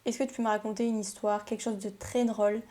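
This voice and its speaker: A woman vlogger chatting casually and reacting with quick, amused comments. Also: medium pitch, little pitch movement, mellow. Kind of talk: casual chat.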